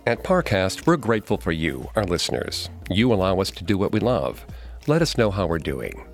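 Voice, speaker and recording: An American man co-hosting a true crime podcast, narrating from a script in a measured, dramatic way. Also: low-pitched, huge pitch swings, faint music behind.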